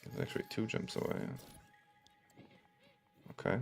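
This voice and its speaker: Speaking at a measured pace with faint music behind him, a man from Italy streams a space game and chats casually. He has a faint Italian accent, reads viewers' messages aloud in a relaxed manner, and steady background noise runs throughout.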